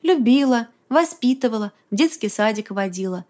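A woman reading an audiobook, voicing a gentle young woman who speaks in a soft, soothing, reasonable way. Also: on the high side, lively intonation, normal speed, lightly acted. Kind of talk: audiobook character voice.

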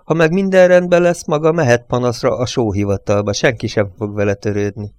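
A man reading an audiobook voices a gruff, impatient truck driver who talks bluntly and mockingly. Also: medium pitch, steady tone, darkish tone, no room sound, natural voice.

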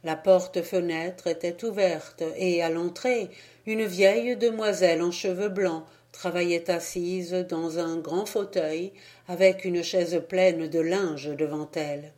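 A woman reading a novel aloud as an audiobook narrator, measured and even. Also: fairly low pitch. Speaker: audiobook reader. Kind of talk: scripted narration.

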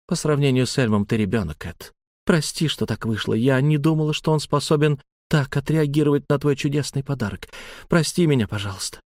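A man voicing a gentle young female storyteller and singer in an audiobook, soft and pleading. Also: medium pitch, animated, brisk, no room sound, studio quality, natural voice. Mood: tender. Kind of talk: audiobook character voice.

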